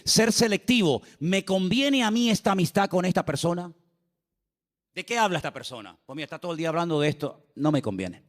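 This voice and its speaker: Male pastor, high-pitched animated sermon delivery, pulpit mic, long reverb of a church sanctuary. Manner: animated preaching with rhetorical questions and asides.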